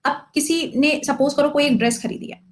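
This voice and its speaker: Female teacher, high voice, live online class, quizzes students and answers herself, playful scolding. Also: fairly even intonation, moderate pace.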